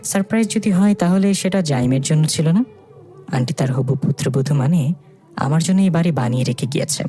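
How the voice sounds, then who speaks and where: A narrator voicing a hot-tempered, theatrical young woman, huffy and quick to bicker. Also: mid-range voice, mellow, soft background music, lightly acted.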